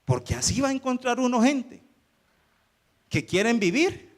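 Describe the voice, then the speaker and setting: A man's voice: very high voice, big pitch swings, normal speed. A man preaching a sermon as pastor, firing rhetorical questions at the congregation. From Colombia.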